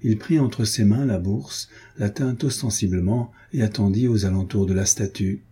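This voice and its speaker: A man reads a classic novel aloud as audiobook narration. His voice sits low and very dark, with a slightly husky grain. He lifts his pitch noticeably when voicing the characters' dialogue. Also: normal speed. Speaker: audiobook reader.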